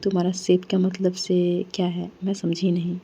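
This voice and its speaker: A woman's voice: lowish voice, completely flat delivery, moderate pace, dark tone, a little hiss or hum, natural voice. A woman voicing a confident, teasing young woman who turns coolly formal when annoyed.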